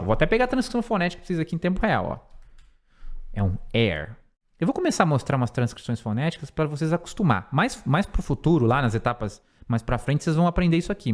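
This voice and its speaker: A man with a Brazilian Portuguese accent, an English teacher who explains grammar and repeats words slowly for pronunciation. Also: medium pitch.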